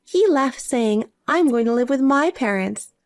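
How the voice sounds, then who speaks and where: Whiny, desperate older sister, high-pitched and pleading, as a woman reads her. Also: lively intonation, measured pace. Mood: self-pitying.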